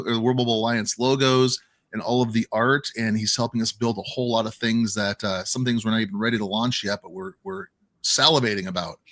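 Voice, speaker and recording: A man's voice: mid-range voice, fairly bright tone, no room sound. Rambling man hosting a call. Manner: rambling, self-correcting, repeats words. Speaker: host. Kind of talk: casual livestream chat.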